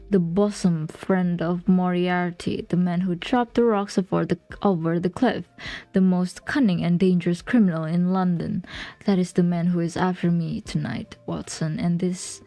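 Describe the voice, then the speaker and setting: A woman reading as a calm, clever male detective. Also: lowish voice, natural voice, low-quality recording.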